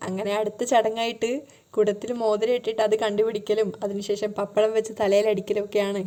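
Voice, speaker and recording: A woman's voice: medium pitch, little pitch movement, brisk, warm tone. A woman retelling a TV serial episode as a casual spoken story, with running narration and quoted dialogue.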